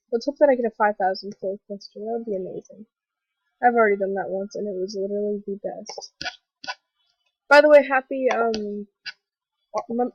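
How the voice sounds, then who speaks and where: A woman's voice: on the high side, slightly rough, no echo. Stuffy-nosed young woman rambling through a game. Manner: rambling, filler-heavy, excitable. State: stuffy from a cold. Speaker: gaming video host. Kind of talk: casual game commentary vlog. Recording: dull lo-fi voice recording.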